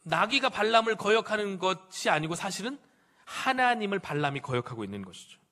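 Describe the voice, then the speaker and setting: Male pastor, animated sermon storyteller, high and bright voice, asks the congregation questions. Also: a little fast. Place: church sanctuary.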